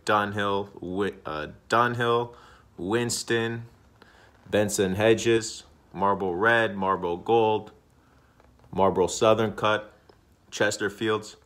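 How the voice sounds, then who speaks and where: Low-voiced vlogger in his thirties, loose and repetitive, room webcam sound. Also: takes it slowly. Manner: rambling, repetitive, relaxed, with many uhs. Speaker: smoking vlogger. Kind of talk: casual smoking vlog. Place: indoor room.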